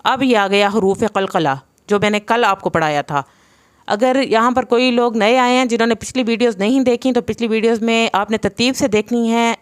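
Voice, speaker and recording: A woman teaching Quran recitation in an online lesson, patiently spelling out letter sounds and slowing down to model each one. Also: medium pitch, clear, resonant tone.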